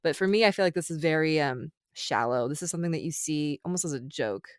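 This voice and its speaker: Candid woman podcast co-host, low voice. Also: lively intonation, fast talker, dry recording, clean studio sound. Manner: candid, reads tips aloud and mocks them. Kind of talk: casual podcast chat.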